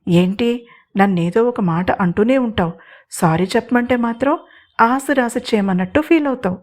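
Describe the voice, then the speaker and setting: A woman's voice: on the high side, normal speed, voice pushed up, lightly acted. Woman voicing a sassy bossy younger sister. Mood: teasing. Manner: sassy, raised and scolding.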